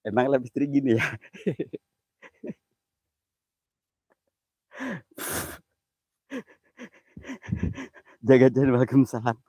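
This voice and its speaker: A man's voice: medium pitch, warm tone, husky, dry recording. A young man, hosting a comedy ghost-hunting livestream by an old well, joking, laughing and greeting viewers on his phone. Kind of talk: casual joking livestream chat. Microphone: phone camera.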